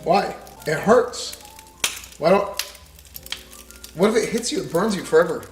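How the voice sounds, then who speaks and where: A man's voice: sits high, animated, measured pace. Dry, teasing young man streaming. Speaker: livestream co-host cooking. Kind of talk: casual banter on a cooking stream. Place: home kitchen. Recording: echoey kitchen with music behind.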